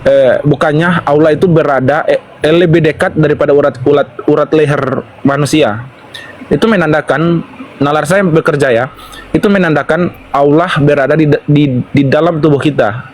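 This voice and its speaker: A man's voice: on the high side, normal speed, rough recording. A man in a debate asking a question, hesitant and apologetic, stumbling with fillers and repeated words.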